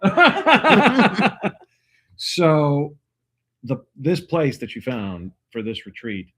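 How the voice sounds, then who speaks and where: A man hosting a casual podcast outdoors at a desert retreat, easygoing and quick with teasing quips. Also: mid-range voice, expressive, a little mellow. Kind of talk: casual chat.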